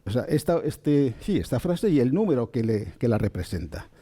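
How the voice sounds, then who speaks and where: A man giving a slow, calm lecture on spiritual texts, checking in often with his listeners. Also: mid-range voice, breathy edge. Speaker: spiritual teacher. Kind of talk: calm spoken lecture on Kabbalah.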